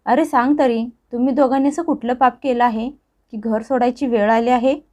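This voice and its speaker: A woman's voice: fairly high pitch, fairly even intonation, moderate pace, lo-fi sound, natural voice. Angry old mother-in-law, as a woman puts her on. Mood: furious scolding. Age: older. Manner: harsh, accusing, shouting.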